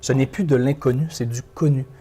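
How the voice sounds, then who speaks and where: A motivational speaker from Quebec gives an animated interview in a Québécois French accent, repeating words and phrases for emphasis. He talks briskly in a medium-pitched, mellow, slightly rough voice with a steady tone.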